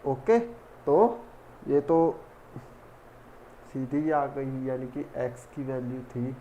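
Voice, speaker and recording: A man's voice: medium pitch, animated, slow pace, phone-quality sound, a little hiss or hum. A man teaching a math lesson step by step, counting terms aloud as he works. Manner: talks while working, counts terms aloud. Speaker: math tutor.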